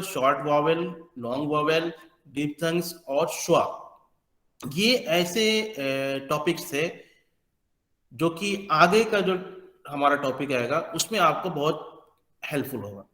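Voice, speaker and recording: A man teaching English pronunciation as a lecture, explaining in Hindi, mixing in English phrases and modeling words by repeating them slowly. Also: on the high side, fairly bright tone. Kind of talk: lecture to students. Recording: echoey hall with long reverb.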